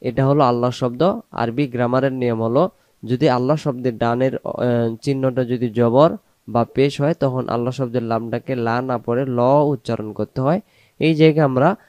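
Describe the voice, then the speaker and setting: A man teaching Quran recitation, chanting verses slowly and drawing them out, then explaining pronunciation more quickly. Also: medium pitch, fairly even intonation, darkish tone, dry recording.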